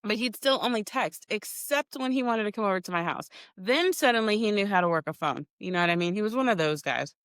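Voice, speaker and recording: A woman's voice: medium pitch, animated, fast, few pauses, fairly bright tone, clean tone, dry recording, studio quality. A woman in her forties hosting a podcast, telling stories in a casual, chatty, profane way, with lots of laughter. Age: 40s. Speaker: podcast host. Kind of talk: casual storytelling monologue.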